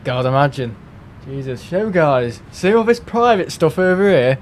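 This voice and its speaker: This English livestream host speaks with Merseyside English, casually chatting to his viewers in a rambling way full of fillers and false starts. His voice is slightly high and expressive, at a moderate pace, with a little background noise.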